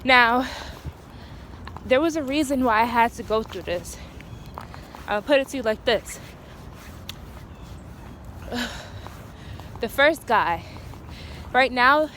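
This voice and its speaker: A woman's voice: a little high, fairly bright tone. A young woman talking candidly to her phone while walking outdoors, a little out of breath, chatty and laughing now and then. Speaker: vlogger. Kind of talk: casual walking vlog. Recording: faint street noise.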